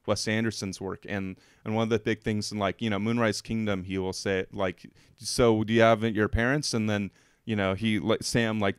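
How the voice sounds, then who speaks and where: Smooth-voiced man rambling about films. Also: fairly low pitch, dry recording, studio quality. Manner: rambling, emotional, filler-heavy. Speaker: podcast co-host. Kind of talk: casual film review chat.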